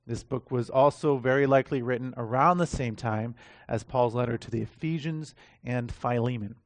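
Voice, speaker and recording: A man preaching as a pastor at a pulpit microphone in a church, leading scripture reading and prayer in a measured, earnest way. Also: mid-range voice, dry recording. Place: church sanctuary.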